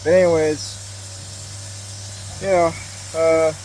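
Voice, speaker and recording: A man's voice: fairly high pitch, little pitch movement, slow pace, a little mellow. A young man chatting casually while he works on a truck outdoors, rambling with lots of fillers and restarts. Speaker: hobby mechanic vlogger. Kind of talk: casual work-along commentary. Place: outdoors in a driveway beside a truck. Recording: noisy outdoor camera audio.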